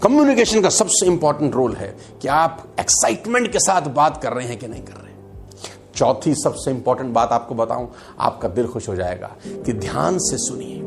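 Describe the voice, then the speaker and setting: A man's voice: medium pitch, animated, normal speed, faint music behind. A man giving an emphatic motivational talk who acts out quotes and jokes. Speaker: motivational speaker.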